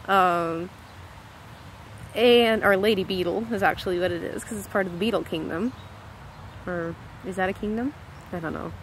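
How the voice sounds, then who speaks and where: A woman's voice: mid-range voice, a little hiss or hum, poor audio. An American woman in her thirties giving a casual spiritual monologue to camera, rambling into tangents and correcting herself as she goes. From United States. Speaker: spiritual vlogger.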